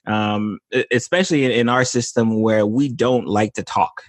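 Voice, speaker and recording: A man's voice: fairly low pitch, normal speed, no room sound. A man hosting a podcast interview, talking casually and rambling with many restarts and fillers. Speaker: podcast host, physician.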